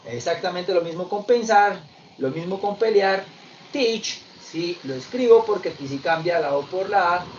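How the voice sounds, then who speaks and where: A man teaching an online English class, slowly explaining and repeating verb forms. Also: high voice, animated. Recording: distant, dull lo-fi audio with faint noise.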